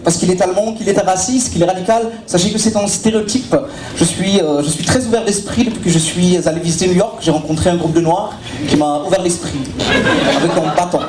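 A man's voice: sits high, fairly quick, noisy background, close to an everyday voice. Man doing a stiff German stand-up character. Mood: deadpan formal. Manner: stiff, formal, deadpan delivery. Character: pompous middle-aged German man, former opera singer. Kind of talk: stand-up comedy sketch. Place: comedy stage before an audience. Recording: roomy live club recording, loud crowd laughter.

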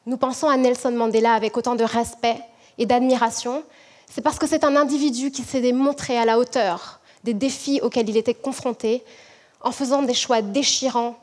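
A woman from French Guiana, a management professor, giving a measured, reflective prepared talk to an audience. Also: fairly high pitch, darkish tone.

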